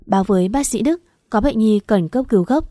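A woman reading the lines of a brisk female duty nurse in a storybook narration. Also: on the high side, animated, dark tone, no echo, studio quality, lightly acted.

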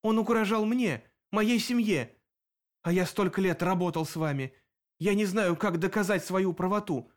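A man's voice: high-pitched, moderate pace, pitched above the performer's own voice, natural voice. A man voicing a timid, frightened male bartender in an audiobook, pleading and shaky. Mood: desperate.

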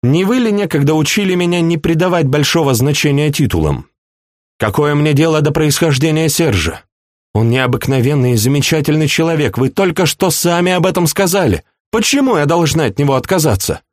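A man's voice: fairly high pitch, expressive, a little slow, hardly any pauses, dry recording, studio quality, pitched above the performer's own voice. A man voicing a proud, passionate young princess in an audiobook, reading her lines in a pleading, indignant manner.

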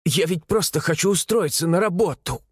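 A man's voice: on the high side, lively intonation, moderate pace, breathy edge, dry recording, clean studio sound, voice pushed up. A man voicing a genteel young woman servant who speaks earnestly, in an audiobook. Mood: pleading. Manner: pleading, earnest.

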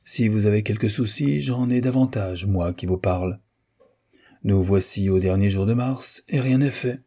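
A man's voice: lowish voice, moderate pace, dark tone, slightly rough. A man voicing a hot-tempered older navy admiral in an audiobook, blustering and scolding. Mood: teasing. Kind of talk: audiobook character reading.

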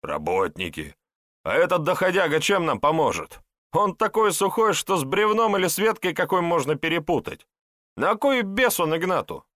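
For an audiobook, a man voices a stocky, well-fed young estate worker who grumbles reluctantly. The voice is pushed up a little high, with big pitch swings, a normal pace and a fairly bright tone. The studio-quality recording has no room sound.

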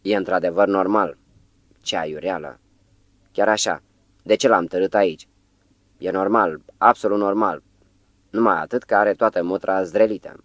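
Man voicing an anxious poet, hushed, very low voice, dry sound, storybook reading. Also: steady tone, pauses often, no echo, lo-fi sound. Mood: bitter. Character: nervous flustered male poet, middle-aged.

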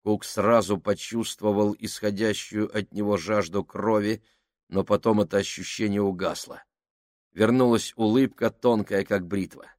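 A man giving scripted audiobook narration in a steady storytelling manner. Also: on the low side, normal speed, no room sound, clean studio sound.

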